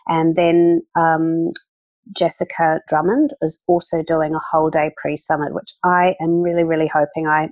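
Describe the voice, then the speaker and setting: A woman's voice: sits low, little pitch movement, moderate pace, a little mellow, dry recording, lo-fi sound. A woman, an event organizer chatting enthusiastically as a podcast guest, with many fillers. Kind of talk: casual interview talk.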